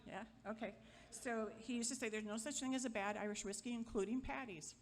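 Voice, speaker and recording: A middle-aged woman giving an informal memorial eulogy, chatty and wry, joking with the crowd and sometimes halting. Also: a little high, fairly even intonation, a little hiss or hum. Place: gathering hall at a memorial.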